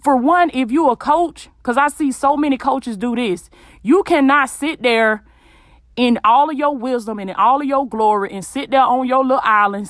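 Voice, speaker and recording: A woman's voice: a little high, fairly bright tone, no echo, clean studio sound. A woman hosting a podcast, giving an informal, preachy motivational talk in a blunt, emphatic way and repeating phrases for effect. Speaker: podcast host giving motivational business advice. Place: small closet at home.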